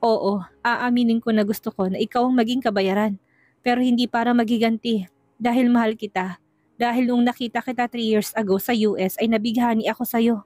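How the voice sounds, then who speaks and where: A woman voicing a gentle, earnest young man who is in love, in a storybook reading. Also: a little high, fairly even intonation, fairly quick, no room sound, natural voice. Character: tender lovesick young man. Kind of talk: storybook narration.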